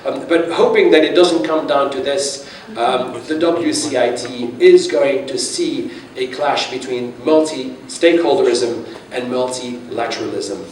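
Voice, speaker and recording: A man's voice: mid-range voice, a little slow, hardly any pauses, distant mic. Man speaking in an echoey hall. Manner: chatty, self-deprecating, many restarts. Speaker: conference speaker. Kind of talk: conference talk with audience Q&A. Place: conference hall.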